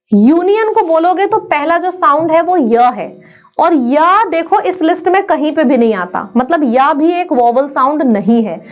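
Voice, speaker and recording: In a brisk online grammar drill, a high-voiced woman poses questions to her students and then answers them herself. The audio is slightly dull and lo-fi.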